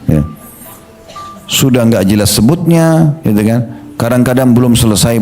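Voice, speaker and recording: A middle-aged man preaching a religious study talk in a conversational way, slowly demonstrating prayer recitations with pauses. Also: mid-range voice, mellow.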